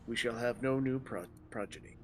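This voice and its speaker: A man's voice: mid-range voice, steady tone, moderate pace, a little hiss or hum, natural voice. A man voicing a weary ancient male dragon in a game, speaking in grave archaic lines and stumbling now and then as he reads them cold. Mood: solemn. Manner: archaic solemn delivery with stumbles from reading on the fly.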